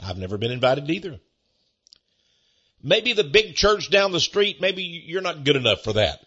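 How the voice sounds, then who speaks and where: An older man preaching a sermon as pastor, earnest and slow, chuckling between points. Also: on the high side, sing-song, sharp tone, breathy edge. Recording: dull lo-fi recording.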